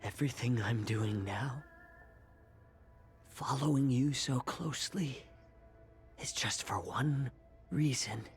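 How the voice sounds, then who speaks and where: An actor playing a calm, weary fox healer in a video game, speaking slowly and reflectively. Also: male voice, medium pitch, faint music behind. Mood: defiant. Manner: slow, quiet, reflective.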